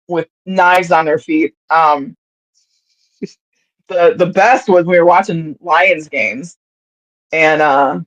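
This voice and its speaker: Brief: a rambling, chatty sports podcast co-host at a mid pitch, on dull, slightly lo-fi audio. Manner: rambling storytelling with many fillers and restarts. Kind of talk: casual sports podcast chat.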